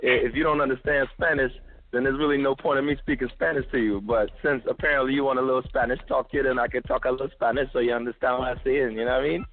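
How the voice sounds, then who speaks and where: A man's voice: medium pitch, steady tone. A man guesting on a call-in talk show, joking and laid-back, speaking over the phone with a Brooklyn accent. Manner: laid-back, joking, talks fast with restarts. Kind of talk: casual chat on a call-in show. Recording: tinny phone line with faint music behind.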